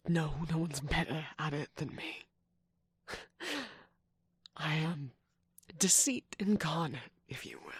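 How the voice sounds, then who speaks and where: A woman voicing a scheming, manipulative male cookie trickster in an ASMR roleplay, with a breathy whisper and a sly, taunting manner. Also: deep voice, slow, pauses often, no echo, heavily acted. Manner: taunting, sly, laughs often.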